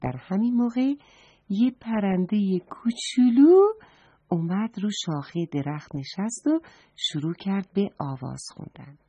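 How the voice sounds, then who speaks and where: A woman reading a children's story aloud and gently speaking to the children listening, on a dull lo-fi recording. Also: medium pitch, expressive, slightly rough, dry recording. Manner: gentle, addresses children directly.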